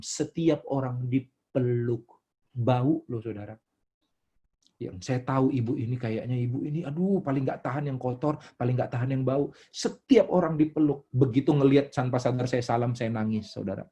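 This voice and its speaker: A man preaching a sermon with an Indonesian accent, swinging from quiet asides to loud, emphatic bursts as he tells a story to his congregation. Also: mid-range voice, normal speed, breathy edge. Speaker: pastor.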